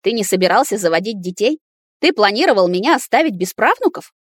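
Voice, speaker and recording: A woman's voice: medium pitch, sing-song, fast, dry recording, clean studio sound. A woman doing a stern scolding grandmother. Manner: commanding, scolding.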